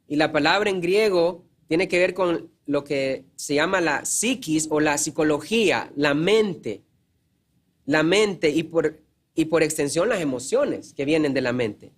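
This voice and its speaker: A man preaching from the pulpit in an earnest, teaching way. His voice sits a little on the high side, and he repeats key phrases for emphasis. He stops now and then to clear his throat. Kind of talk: sermon.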